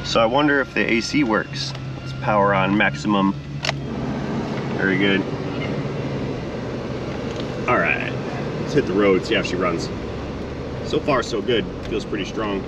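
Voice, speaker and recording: A man's voice: lowish voice, unhurried, long pauses. A man narrating casually to himself as he test-drives and tunes an old car, with chatty, joking asides. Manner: chatty, self-talking, jokey asides. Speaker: mechanic, channel host. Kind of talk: casual narration while driving and working. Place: in a car and a repair shop. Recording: distant mic, loud engine and road noise.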